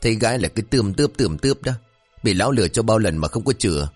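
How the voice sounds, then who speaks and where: A man's voice: on the low side, lively intonation, fast, husky, faint music behind, voice pushed up. A man voicing a cranky, foul-mouthed young rascal who snaps and curses. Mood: irritated. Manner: snappy, cursing.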